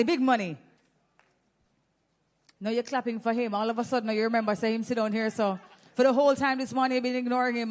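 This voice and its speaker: A Jamaican woman hosting an event, teasing and chatting with the audience into a handheld mic. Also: fairly high pitch. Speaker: event host. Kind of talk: lively emcee banter with audience. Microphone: handheld microphone.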